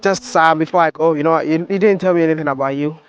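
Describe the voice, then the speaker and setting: A man conducting a conversational interview, asking short questions and giving steady affirmations. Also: a little high, fast talker, clean tone, soft background music.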